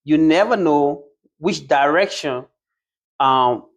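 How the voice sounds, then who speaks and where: A man's voice: fairly high pitch, slow. A man from Liberia answering interview questions as a truck driving school graduate, hesitant, with many fillers and restarts.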